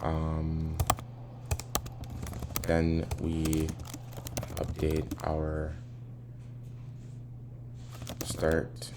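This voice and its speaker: A man with a deep, gravelly voice talks to himself as he works on code. He sounds far from the mic in an echoey apartment room, with noise and typing around him. His delivery is casual and halting, often wandering into side remarks. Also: completely flat delivery. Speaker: programmer recording himself working. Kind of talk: casual think-aloud coding vlog.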